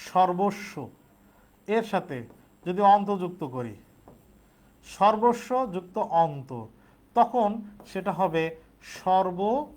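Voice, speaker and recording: A man's voice: high voice, expressive, slow pace, long pauses, a little mellow. A man teaching a spelling lesson, explaining step by step and answering his own questions.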